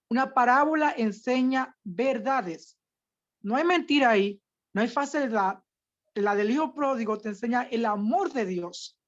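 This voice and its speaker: A woman teaching a Bible study in a casual, animated way, often checking that her listeners understand. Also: on the high side, dull audio.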